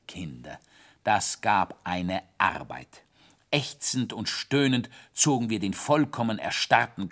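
A man narrating a children's story in the first person, with animated, dramatic delivery. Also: lowish voice.

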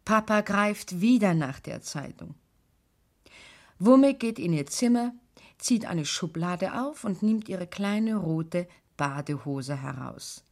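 A woman narrating a children's radio play in a calm, clear storytelling manner. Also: on the low side, slow.

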